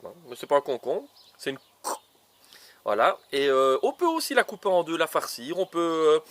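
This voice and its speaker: A man's voice: on the high side, wildly swooping pitch, normal speed, fairly bright tone. Playful man planting his vegetable garden. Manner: playful, teasing guessing games, many fillers. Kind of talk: casual gardening show for children. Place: outdoor garden.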